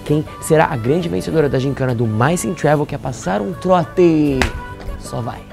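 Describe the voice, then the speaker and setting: A man in his thirties with a Brazilian accent, presenting a travel web series challenge as an excitable host. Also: a little high, normal speed, vocal fry, music in the background. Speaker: game show host. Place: stone-walled room.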